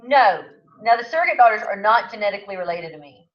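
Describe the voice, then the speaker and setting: A woman's voice: medium pitch, animated, fast talker, recorded from a distance. A middle-aged woman answers plainly and briefly in a casual exchange. Her voice comes through a roomy, echoing space and sounds dull and muffled, as if over a remote call. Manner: brief, matter-of-fact answers. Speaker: sitter in a reading. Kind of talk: casual chat.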